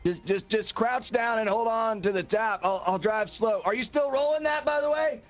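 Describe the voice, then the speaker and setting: A man's voice: very high-pitched, moderate pace, lo-fi sound, soft background music. A man in a game role-play, talking in a jittery way and tacking "man" onto his sentences. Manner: jittery, tacks 'man' onto everything.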